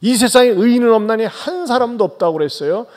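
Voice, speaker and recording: A male pastor with a high-pitched voice delivers a Sunday sermon. He questions his listeners and calls on them directly, dropping to hushed, low remarks before rising into loud, urgent exhortation. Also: expressive, fast. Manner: swings between soft low asides and loud raised exhortations; questions and addresses the congregation directly.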